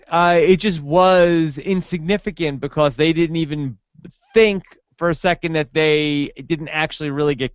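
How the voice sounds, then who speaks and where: A man co-hosts a casual recap podcast in a smooth, fairly high voice. He sounds relaxed and joking as he reads out the plugs. The recording is dry and a little dull. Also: dry recording. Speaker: podcast co-host.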